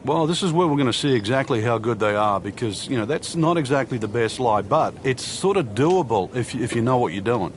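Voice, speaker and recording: A man giving conversational golf commentary as the analyst, unhurried and explanatory with dry understatement. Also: medium pitch, lively intonation, slight background noise, close to an everyday voice.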